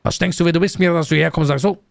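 A man's voice: fairly high pitch, fairly even intonation, very fast, vocal fry, no room sound, clean studio sound. A man in street roleplay, playing a domineering gang boss who berates others and peppers his talk with Spanish slang.

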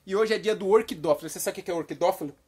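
A woman hosting a playful comedy vlog, rambling and teasing, with sudden mock shouts. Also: on the low side, rapid-fire, slightly rough. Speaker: vlog host.

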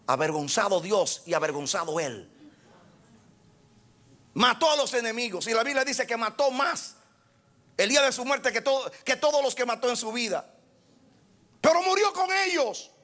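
A man in his fifties preaching an impassioned sermon as pastor, swinging from low intense speech to shouted exhortation. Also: normal speed, pauses often. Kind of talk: fiery sermon.

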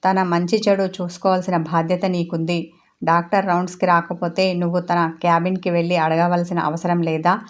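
A woman voicing a caring young man who scolds his friend and then speaks gently and with guilt in a storybook reading. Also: lowish voice, close to an everyday voice. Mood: scolding.

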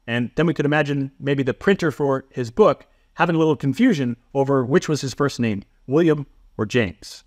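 A man talks through a psychology lesson in a steady, methodical way, with a dry, self-deprecating wit. His voice sits at an ordinary middle pitch. The recording is close and dry, with no room sound around it. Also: normal speed, few pauses, no room sound. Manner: methodical, explanatory delivery. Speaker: psychology instructor. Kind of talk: scripted educational narration.

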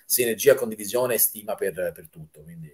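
A man with a fairly low voice talks eagerly as a guest on a live stream. He keeps restarting words in his rush to explain. The sound comes through a video call. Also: a little fast, crowd noise. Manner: talkative, enthusiastic, often restarts words. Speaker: fan film maker, guest. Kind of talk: casual live-stream interview.

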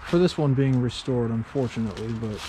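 A man with a medium-pitched voice talks briskly while strolling through an abandoned train station, musing aloud and pointing things out. He's an urban explorer vlogger giving casual on-location narration, with noticeable noise in the background.

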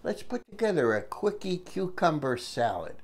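A man's voice: a little high, very animated, moderate pace. An older man hosting a casual home cooking video, chatty and enthusiastic, talking from his kitchen.

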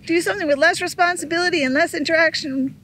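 High-voiced middle-aged woman outdoors. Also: fast talker, fairly bright tone, slight background noise, low-quality recording. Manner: agreeable, chimes in often with yeah. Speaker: sailing vlog co-host. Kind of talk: casual chat. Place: outdoors on open sand dunes.

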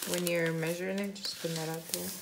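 Chatty woman over loud kitchen clatter. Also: lowish voice, flat delivery, quick pace, creaky, background noise. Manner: chatty, offhand asides while measuring. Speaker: cooking vlogger. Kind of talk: casual cooking demonstration. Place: home kitchen, indoors.

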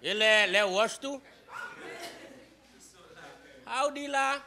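A man's voice: very high-pitched, drawn-out words, vocal fry, bright, forceful tone, full character voice. A man with a Haitian accent playing a playful, teasing debate moderator in a comedy sketch. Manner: playful, teasing, mixes French and Creole. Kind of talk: improvised comic debate sketch.

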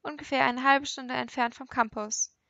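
A woman's voice: high-pitched, fairly even intonation, normal speed, gravelly, sharp tone, no echo, highs cut off, full character voice. A woman reading the part of a cocky young man who teases with sarcastic remarks, in an audiobook. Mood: mocking. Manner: mocking, sarcastic.

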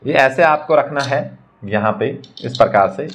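A man who is a magician, briskly showing and explaining magic props one after another in a casual demo. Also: mid-range voice, noisy background. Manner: brisk, talking props through each trick. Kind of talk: casual product demonstration.

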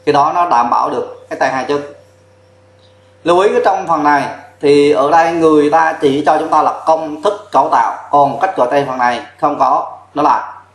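Spelling out formulas letter by letter, a man with a Vietnamese accent walks through a chemistry lesson at a board step by step. His pitch is on the high side and his speed normal, and the recording has an echoey classroom sound.

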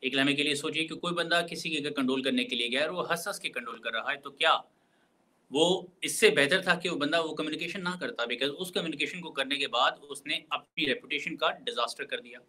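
A man delivers a university lecture, captured on a recording with poor audio. He explains carefully, slips English phrases in, and slows his speech to emphasize key words. His voice is a little high and sharp in tone.

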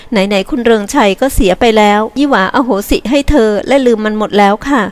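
A woman voicing a gentle, forgiving young girl who speaks softly and sweetly. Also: fairly high pitch, brisk, pitched above the performer's own voice, natural voice. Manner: soft, sweet and soothing.

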